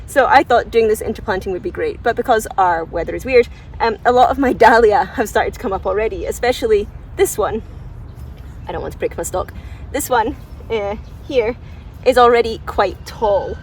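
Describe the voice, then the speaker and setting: A gardening vlogger gives an unscripted tour of her flower garden outdoors, chatting enthusiastically to viewers with the mic some distance away. Her fairly high voice moves at a moderate pace with a slight hiss or hum, and she's informal, self-deprecating, and thinks aloud.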